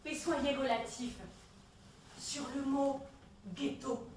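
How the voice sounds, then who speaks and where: A woman's voice: sits high, steady tone, takes it slowly, darkish tone. A woman playing a haughty Marianne, the French Republic personified, lecturing citizens sarcastically in a comedy sketch. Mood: mocking. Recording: roomy echo from a distance, faint noise.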